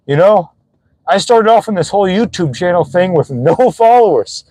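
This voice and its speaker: A man's voice: high voice, expressive, normal speed, dark tone, rough recording. A young man vlogging from his phone, talking earnestly and emotionally to his viewers, swearing casually as he encourages them. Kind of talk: motivational talk to viewers. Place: gym.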